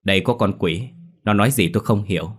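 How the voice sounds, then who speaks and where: A cocky young exorcist, as a man plays him, blunt and quick with his comebacks. His tone stays low and steady, unbothered by ghosts. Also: close to an everyday voice. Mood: brusque.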